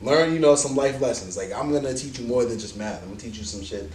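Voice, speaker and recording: A man's voice: medium pitch, quick pace, darkish tone. A man who teaches middle school, talking casually on a podcast in a laid-back, rambling way and swearing freely. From New York. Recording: roomy, distant mic with faint noise.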